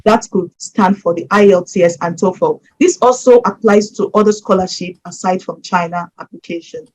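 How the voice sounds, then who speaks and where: A woman from Nigeria explains, step by step, how to apply for scholarships, addressing her viewers directly in a steady way. Her voice is on the low side and her pace moderate, though the audio is poor.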